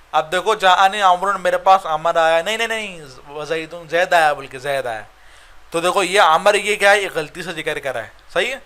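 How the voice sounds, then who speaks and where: A man's voice: on the high side, bright, forceful tone. A man with a Pakistani Urdu accent teaching Arabic grammar in a recorded online lecture, explaining step by step and checking "right?" after each point.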